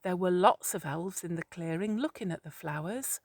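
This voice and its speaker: A woman narrating a calm, therapeutic children's story in a soothing, measured way. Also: on the low side, no room sound, clean studio sound.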